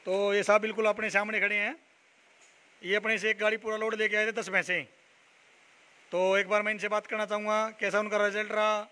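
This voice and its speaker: A young man from Haryana, India, touring a buffalo shed at night and chatting as a dairy vlogger. He repeats numbers and names back and fills pauses with "a". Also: sits high, flat delivery, bright, forceful tone. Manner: repeats figures and names back, many "a" fillers. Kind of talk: casual walk-around video with interview.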